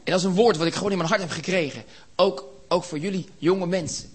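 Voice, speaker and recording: A man preaching a sermon in a church, impassioned, building to shouts and rhetorical questions. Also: high voice, quick pace, breathy edge.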